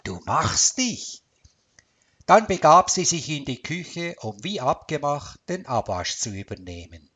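A man reading a story aloud in a dramatic, expressive way. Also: on the high side, normal speed, hardly any pauses, slightly rough. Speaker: narrator.

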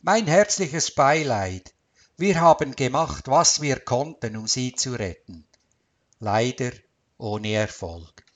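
Storybook doctor, formal and measured, slow as a man reads him. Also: mid-range voice, expressive. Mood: consoling. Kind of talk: storybook voice acting.

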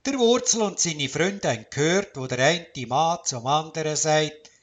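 A man with a Swiss German accent narrating a children's storybook in a calm, measured way. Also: a little high.

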